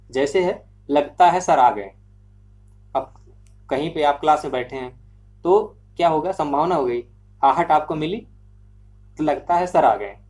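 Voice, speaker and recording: A woman's voice: sits low, darkish tone. Woman, grammar teacher, patient step-by-step explaining, repeats examples, checks in often. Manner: explains slowly, repeats each example, checks with "theek hai". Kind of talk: grammar lesson.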